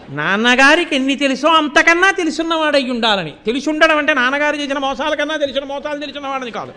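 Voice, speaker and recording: A man giving a devotional storytelling discourse, expressive and rhetorical, at times chanting verses. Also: very high voice. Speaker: religious discourse speaker.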